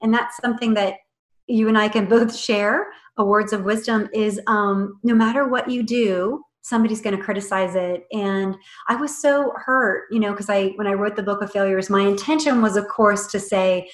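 A woman's voice: medium pitch, steady tone, normal speed. A woman guest on a podcast, chatting casually and animatedly about a book she wrote, laughing often. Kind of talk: casual chat. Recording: roomy echo.

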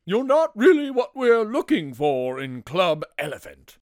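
A woman's voice: lowish voice, big pitch swings, unhurried, a little mellow, dry recording, studio quality. A woman voicing a pompous, know-it-all elephant in a storybook reading. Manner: lecturing, huffy. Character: pompous, brainy elephant club leader.

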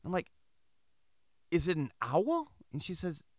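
A man's voice: a little high, measured pace, no echo, studio quality. A middle-aged man from Michigan, hosting a podcast and telling a story in a casual monologue, acting out the dialogue. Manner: animated, acts out dialogue in quoted voices. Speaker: podcast host.

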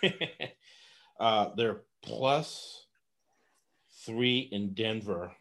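A man's voice: fairly low pitch, very slow, a bit bright. A man from Los Angeles giving casual sports betting picks, rambling and laughing often.

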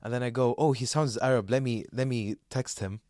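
A man's voice: medium pitch, steady tone, fairly quick, darkish tone, no echo. Laid-back young man, dry close sound. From Saudi Arabia. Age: young adult. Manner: rambling, laughs a lot, many fillers and restarts. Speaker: podcast co-host. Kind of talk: casual chat.

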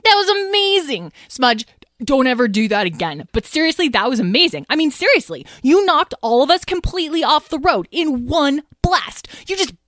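A boastful young dragon boy yells and rambles in a high, squealing voice that leaps all over the place, as a woman puts him on. His storybook delivery is bright and close to the mic. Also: fast, hardly any pauses, dry recording. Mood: excited. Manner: yelling, excitable, rambling.

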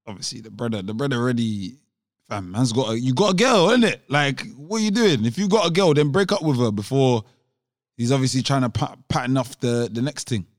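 Brisk and mid-range, a young man co-hosting a podcast talks casually in a London roadman accent, Multicultural London English, coming across slangy, emphatic and argumentative. The recording is dry and studio quality.

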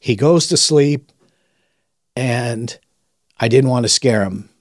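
A man's voice: mid-range voice, slow, no echo, studio quality. A man hosting a podcast, telling a personal testimony in a rambling conversational way, with frequent restarts. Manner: rambling, with many restarts and fillers. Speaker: podcast host and rabbi.

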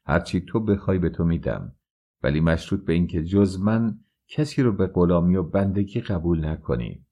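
A male reader voices an anxious count who pleads with the woman he loves and stammers as he speaks. The voice is deep and soft-edged, a storybook nobleman. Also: expressive. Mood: pleading.

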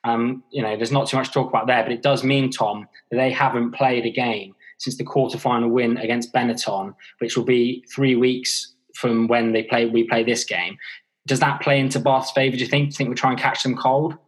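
Guy on a sports podcast, a bit husky, chatty. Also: medium pitch, little pitch movement, fairly quick, poor audio. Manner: conversational, hesitant restarts. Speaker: podcast co-host. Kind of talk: casual sports chat.

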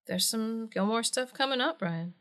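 A woman co-hosting a podcast in casual chat, animated and teasing, laughing often. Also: a little high, normal speed. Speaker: podcast co-host.

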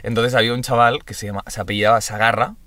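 A man's voice: mid-range voice, fairly even intonation, rapid-fire, sharp tone, no room sound. A young man with a Castilian Spanish accent chatting casually and telling stories to friends in slangy, sweary talk. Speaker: podcast co-host. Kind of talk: casual chat and storytelling among friends.

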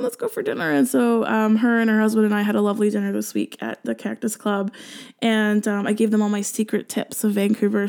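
A Canadian woman with a fairly high voice and a lot of vocal fry. She hosts a podcast in a casual, chatty style. She talks effusively and wanders off into asides as she goes. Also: mellow. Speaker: podcast host. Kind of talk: casual solo podcast chat.

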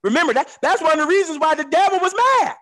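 A man leading a Bible study, animated, swinging between low asides and excited high peaks. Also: quick pace.

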